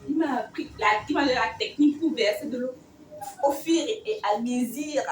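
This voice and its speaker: A chatty young woman from Cameroon rambles to her viewers, often correcting herself, her voice a touch higher than most. She sits back from the mic in a roomy, echoing space with clear background noise. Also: big pitch swings, a little slow. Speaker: vlogger. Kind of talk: casual chat to camera. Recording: echoey room, far from mic, noisy.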